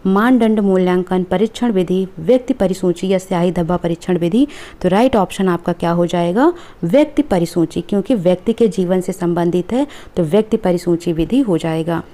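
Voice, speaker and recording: Her voice sits on the low side and sounds dark, moving at a moderate pace with hardly any pauses. This female teacher reviews exam questions, reading the multiple-choice options out and checking in with the class through "ठीक है".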